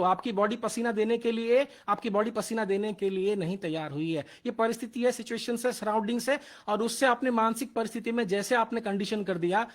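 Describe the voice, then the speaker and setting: A man speaking earnestly on a live motivational stream, mixing Hindi with Indian-accented English and repeating his points. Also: high voice. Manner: earnest, repetitive, switching between Hindi and English.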